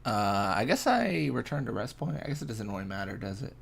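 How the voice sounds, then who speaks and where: A man's voice: lowish voice, big pitch swings, brisk, vocal fry, slightly rough. A young man casually chatting and reacting while streaming a fishing game, laid-back and rambling as he answers chat.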